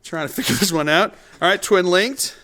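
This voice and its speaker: A man with a high, bright voice talks through a tabletop battle as host, calling out dice results in a loose, casual play-by-play. He laughs often and breaks into excited whoops when the rolls turn. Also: moderate pace. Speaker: host and player.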